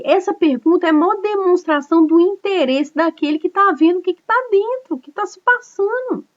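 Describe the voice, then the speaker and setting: High-voiced woman pastor preaching online. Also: dull audio. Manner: earnest, conversational preaching with frequent tag questions. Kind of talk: online cell group sermon. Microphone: online video call.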